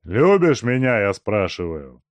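A man reading an audiobook, voicing a brutal, mocking male robber chief in a loud, gruff, taunting voice. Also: lowish voice, very animated, unhurried, no room sound, lo-fi sound, pitched above the performer's own voice. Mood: taunting, cruel. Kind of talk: audiobook character voice.

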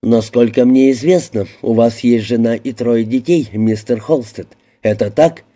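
A man's voice: mid-range voice, normal speed, close to an everyday voice. A man voicing a hard, threatening police detective who questions bluntly. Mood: menacing. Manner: blunt, menacing, shouting at times. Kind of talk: audiobook character voicing.

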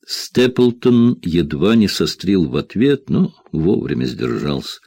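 A man narrating a thriller audiobook in a steady, measured reading. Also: low voice, creaky, husky, no room sound, studio quality.

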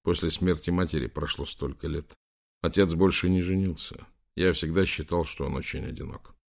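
A man doing a quiet, caring young prince. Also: deep voice, steady tone, moderate pace, gravelly. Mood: searching.

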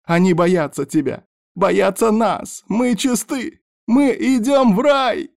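Give me a frenzied male cultist screeching at the top of his voice, high, loud and drawn out. Ecstatic fanaticism in an audiobook. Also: takes it slowly, creaky, full character voice.

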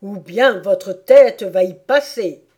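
A woman voicing a pompous storybook king, speaking loudly, slowly and threateningly. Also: medium pitch. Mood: angry. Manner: loud, slow and threatening.

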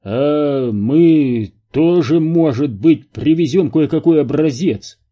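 A man's voice: fairly high pitch, slow, dark tone, muffled recording, voice pushed up. Man voicing a shaken, strained sergeant. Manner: strained, stammering. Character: shaken, frightened male sergeant.

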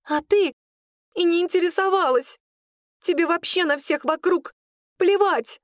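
A woman voicing a shrill, jealous young woman. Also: moderate pace, no echo, clean studio sound, close to an everyday voice. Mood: angry. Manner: accusing, shrill and tearful. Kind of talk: audiobook character voice.

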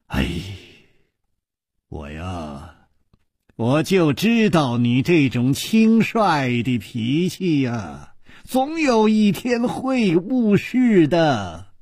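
Storyteller voicing an eager young swordsman hero, animated swings in pitch, raspy tone. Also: drawn-out words, no echo, clean studio sound, heavily acted. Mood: chiding. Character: earnest young male swordsman, proud heir.

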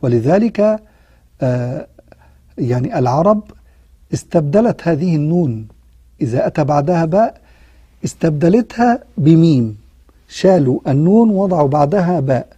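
A man with an Egyptian accent gives a recorded online recitation lesson. His voice is very dark and mellow with a husky edge, and it sits a little high. He explains patiently and drags out syllables to demonstrate how they sound. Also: lively intonation, normal speed, pauses often, no room sound, dull audio. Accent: Egyptian Arabic. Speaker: Quran recitation teacher.

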